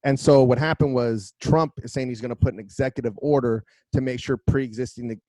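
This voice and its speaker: Male comedy podcast co-host, mid pitch, profane anecdotal storyteller, close dry sound. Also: fairly quick, no echo, rough recording. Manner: profane, animated, acts out quoted voices.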